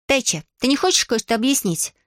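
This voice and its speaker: Lady reading a bossy little witch girl, high and quick, kinda sarcastic, audiobook style. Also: very animated, a bit bright, no echo, studio quality. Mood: brisk.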